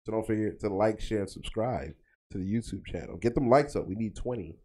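A man's voice: lowish voice, brisk, a little mellow. A man co-hosting a comedy podcast, crude and mocking in casual chat. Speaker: podcast co-host.

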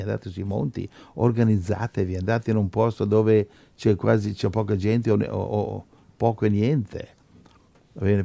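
A man's voice: lowish voice, gravelly, mellow, dry recording. A man preaching a sermon and leading a Bible study, exhorting his listeners and often stumbling through repeated restarts.

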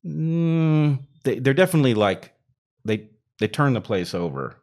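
A man's voice: medium pitch, very animated, a little slow, darkish tone. A man casually telling a long personal anecdote, rambling and circling back with fillers as he goes. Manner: rambling, self-interrupting with fillers. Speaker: storyteller guest.

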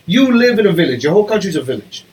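A man's voice: high voice, big pitch swings, darkish tone, low-quality recording. A man with a Dominican family background, bantering bluntly and jokingly on a casual podcast. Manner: blunt, joking, quick to argue.

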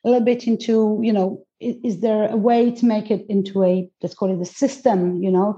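A Greek woman who isn't a native English speaker appears as an interview guest, chatting casually about her work as a goddess teacher and coach. Her mid-range voice is warm, with the highs cut off, and she often restarts and laughs as she searches for words.

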